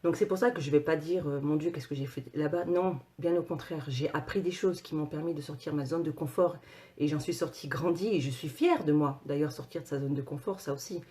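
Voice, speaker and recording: A woman coach talking casually to her viewers, animated, with many repeated words and restarts. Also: sits low, brisk. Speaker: personal coach and author.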